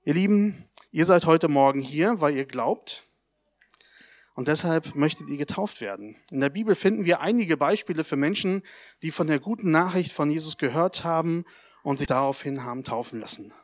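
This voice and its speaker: Man preaching with a lively, slightly high voice. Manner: addresses the congregation directly, asks questions; lively storytelling, with pauses and hesitations. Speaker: pastor. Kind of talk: baptism sermon.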